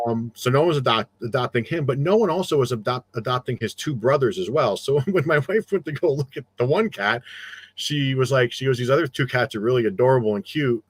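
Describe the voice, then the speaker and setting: A man's voice: mid-range voice, animated, fairly quick, husky, no echo. A middle-aged man with a New Jersey accent, chatting casually as a guest and rambling with many fillers and restarts. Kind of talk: casual chat.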